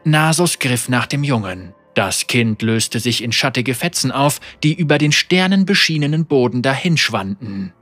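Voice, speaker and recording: A man reading a dark fantasy story aloud as a measured audiobook narration. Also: medium pitch.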